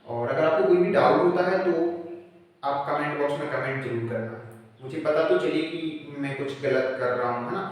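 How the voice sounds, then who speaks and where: A man teaching a casual grammar lesson, reassuring and slowly repeating the key terms. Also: on the high side. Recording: echoey room, voice from a distance.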